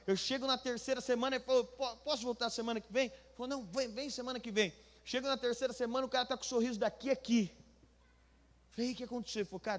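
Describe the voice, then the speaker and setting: A male Brazilian pastor telling a story from the pulpit, acting out the dialogue and building to near shouting. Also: sits high. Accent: Brazilian Portuguese. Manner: animated, acts out dialogue, rising to near shouting. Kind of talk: storytelling sermon. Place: church hall. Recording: live church hall with long reverb.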